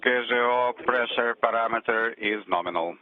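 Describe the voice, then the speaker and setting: A man's voice: medium pitch, moderate pace, slight background noise. A man giving terse, clipped status reports as a mission control communicator over a breaking-up space radio link. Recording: tinny radio comms channel.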